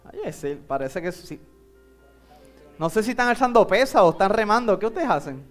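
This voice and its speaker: A man's voice: sits high, moderate pace, soft background music. A man with a Puerto Rican Spanish accent preaching a sermon as pastor, telling a Bible story while directing volunteers who act it out. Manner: animated storytelling, acting out a Bible scene with volunteers.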